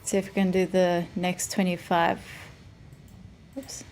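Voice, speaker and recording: South african lady streamer, chatty, laughs a lot, soft music in the background. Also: lowish voice, level tone, unhurried. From South Africa, Cape Town. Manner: chatty, reads chat aloud, laughs easily. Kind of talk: casual live-stream chat while gaming.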